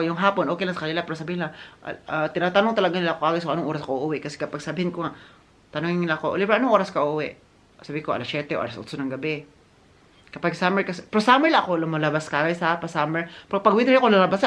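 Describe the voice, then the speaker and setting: Man, vlogger, rapid speech, animated casual storytelling, talks to viewers. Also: high voice. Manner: animated, addresses viewers as guys, mixes in English.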